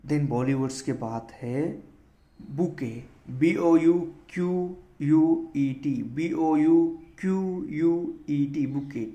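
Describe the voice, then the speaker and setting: An Indian man with a fairly high voice teaches English words for exam prep. He spells each word out letter by letter, then explains it in a casual mix of Hindi and English. The sound has a noticeable room echo. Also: extremely slow, mellow. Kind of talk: casual spoken lesson.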